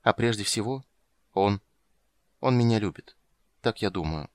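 A proud, sharp-tongued sorceress, as a man reads her out in an audiobook. Her voice sits low yet lifts with scorn, biting and haughty. The sound is dry and close. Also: expressive, unhurried, no echo. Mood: scornful. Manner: haughty, biting, then wistful. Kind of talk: audiobook character reading.

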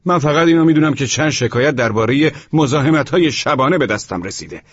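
A man reading an audiobook, voicing a brusque, suspicious police chief who shouts and hectors. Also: mid-range voice, lively intonation, breathy edge, no room sound, voice pushed up. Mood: scolding. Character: loud, brusque middle-aged male police chief. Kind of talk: audiobook character voice. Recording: muffled lo-fi audio.

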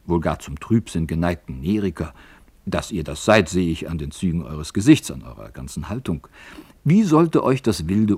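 A man's voice: low-pitched, a little mellow, husky, no echo, full character voice. A man voicing an old miner who gives earnest counsel and flares up in anger. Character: old male miner, wise, persuasive, quick to anger.

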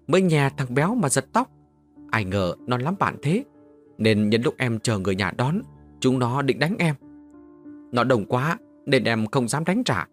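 A man's voice: mid-range voice, voice pushed up, close to an everyday voice. A man voicing a lonely chubby little boy who talks in a whiny, pleading way.

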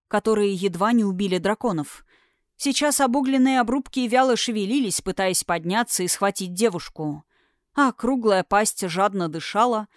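A woman narrating a fantasy audiobook in a dramatic, expressive way, getting louder at tense moments. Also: mid-range voice, no echo, studio quality.

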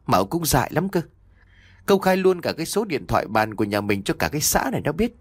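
A man voicing an elderly countryside wife who scolds her husband in a hurried, fussing way. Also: fairly high pitch, big pitch swings, breathy edge, no echo. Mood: scolding. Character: flustered elderly wife of village head.

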